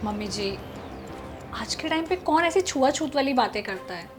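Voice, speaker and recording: A woman's voice: high voice, expressive, moderate pace. A woman playing a pleading young daughter-in-law. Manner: soothing, pleading, later indignant. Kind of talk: short film acting. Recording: dialogue with loud background music.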